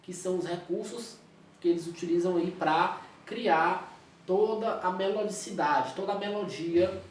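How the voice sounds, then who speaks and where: A man's voice: high voice, measured pace. A male teacher with a Brazilian Portuguese accent, explaining a lesson and checking in with his students at every step. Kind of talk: recorded classroom lecture. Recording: very echoey room, distant mic, faint hiss.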